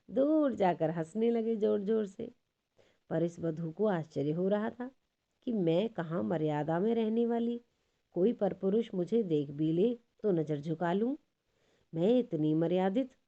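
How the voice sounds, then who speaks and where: A woman narrating a devotional story in an expressive reading. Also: medium pitch, gravelly, muffled recording.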